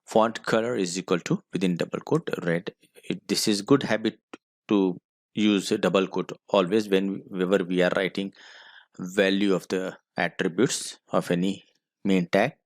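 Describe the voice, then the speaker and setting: A man's voice: low-pitched, steady tone, normal speed, no echo, studio quality. A man with an Indian English accent teaching a school computer class, dictating code step by step. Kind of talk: screen-recorded coding lesson.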